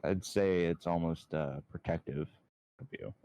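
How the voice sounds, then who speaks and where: A man co-hosting a podcast, asking the guest relaxed questions. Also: deep voice, unhurried, no echo. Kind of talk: casual interview questions.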